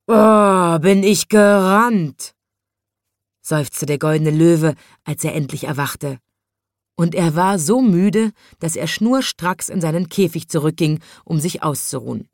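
A woman reading a children's story aloud in a calm, measured storytelling voice. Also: fairly low pitch, no room sound, studio quality.

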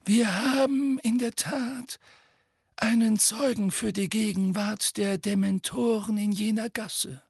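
A man doing a gentle, courteous old wizard. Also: high voice, fairly even intonation, creaky, slightly rough, no echo, clean studio sound, voice pushed up, full character voice. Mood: polite. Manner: gentle, amiable, measured.

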